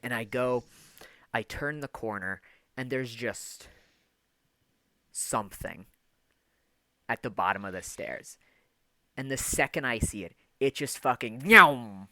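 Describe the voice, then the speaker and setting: A man's voice: mid-range voice, measured pace, long pauses, pushed and bright, dry recording. A man co-hosting a casual podcast, telling a long story in a rambling way, full of fillers and the odd swear word. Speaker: podcast co-host. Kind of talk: casual chat.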